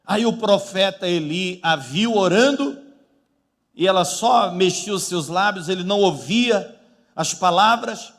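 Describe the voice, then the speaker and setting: Male pastor, high voice, dramatic sermon storytelling, church hall reverb. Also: a little slow, fairly bright tone. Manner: dramatic storytelling, acting out quotes with rising volume.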